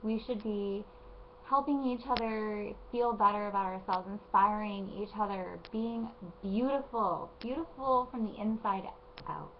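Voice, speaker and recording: A woman with a hoarse, gravelly voice talks casually to camera from her couch late at night. She rambles gently with frequent ums, encouraging her viewers. The recording is dull and lo-fi, with a faint background noise. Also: mid-range voice, unhurried. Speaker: vlogger and parenting page admin. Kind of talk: casual motivational talk to camera.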